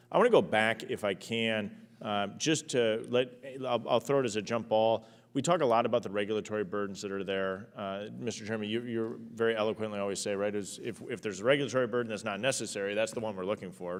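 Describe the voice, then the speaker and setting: A man questioning witnesses at a congressional hearing as ranking member, halting and repeating his first words. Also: fairly low pitch, big-room sound. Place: hearing room.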